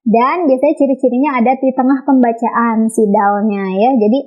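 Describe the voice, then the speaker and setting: A woman with an Indonesian accent teaching children Quranic recitation rules, patiently repeating and modeling each sound slowly. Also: fairly high pitch, fairly even intonation, a little mellow. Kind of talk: online lesson for children. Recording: dull lo-fi recording.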